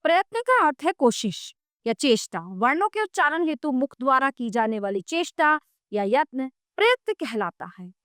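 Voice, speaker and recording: A woman teacher reading a grammar lesson aloud, slowly sounding out letters and example words, with brief asides to the viewer. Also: high-pitched, big pitch swings, fairly bright tone, no echo, studio quality. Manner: adds short asides to the viewer.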